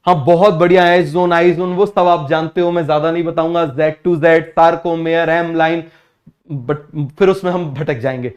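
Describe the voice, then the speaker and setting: High-pitched young male biology tutor, drilling students with quick questions. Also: steady tone. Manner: keeps asking students if it is clear. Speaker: biology teacher. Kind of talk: online exam-prep class.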